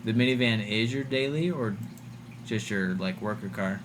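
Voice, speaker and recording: A man's voice: fairly low pitch, moderate pace, background noise. Profane, exasperated male streamer. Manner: profane, exasperated, mocking quoted voices. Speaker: livestream host. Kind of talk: casual rant to chat.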